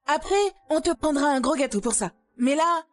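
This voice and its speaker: A woman's voice: sits high, normal speed, natural voice. An actress dubbing an impatient, bossy young woman who scolds and dismisses. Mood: scolding. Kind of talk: French-dubbed drama.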